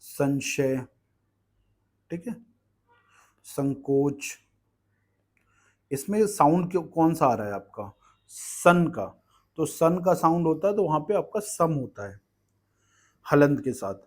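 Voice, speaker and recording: Male tutor, fairly high voice, slow and patient, explains exam grammar step by step. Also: sing-song. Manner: explains patiently, asks "ठीक है" often. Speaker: teacher. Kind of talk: exam-prep grammar lesson.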